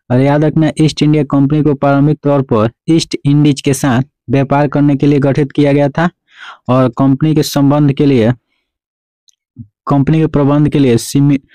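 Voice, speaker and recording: Male teacher, mellow tone, dry close recording, quiz drill explainer. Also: medium pitch, dry recording, low-quality recording. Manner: repeats "remember" and "okay" as drilled prompts. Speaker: exam-prep teacher.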